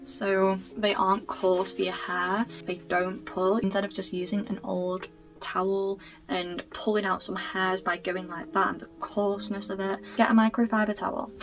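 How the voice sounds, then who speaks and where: A young woman chatting through hair product recommendations in a gushing, emphatic, casual way. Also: mid-range voice. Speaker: beauty vlogger.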